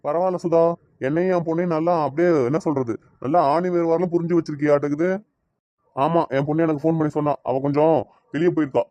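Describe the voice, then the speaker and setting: A man voices a dismissive husband and father in a homemade family drama. He talks very fast in a slightly high voice. The recording is dry and close. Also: fairly even intonation, warm tone, no room sound, muffled recording, close to an everyday voice. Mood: admitting. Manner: brusque, dismissive then explaining. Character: calm father hiding daughter's whereabouts. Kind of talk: amateur family web drama.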